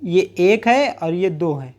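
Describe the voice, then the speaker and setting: A man's voice: high voice, very animated, slow, a little mellow. A man teaching a grammar lesson, explaining plainly with everyday examples and repeating key points.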